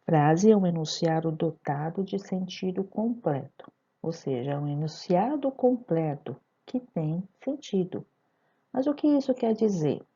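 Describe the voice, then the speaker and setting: Woman teacher walking students thru a grammar lesson, husky warm-ish voice, kinda muffled lo-fi audio. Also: on the low side, animated, unhurried. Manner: didactic, addresses students directly with rhetorical questions.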